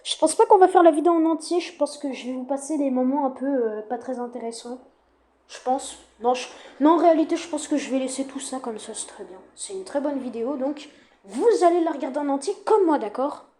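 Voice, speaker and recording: A woman's voice: sits high, fairly quick, mellow. A young woman hosting a reaction video, chatting casually and teasing the creator she watches. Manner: playful, teasing, talks straight to the creator.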